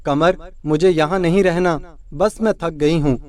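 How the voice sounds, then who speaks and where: A man's voice: on the high side, fairly even intonation, recorded from a distance, lightly acted. A man voicing a sulky, scheming young wife who complains and accuses tearfully. He keeps close to his own voice, set back from the mic.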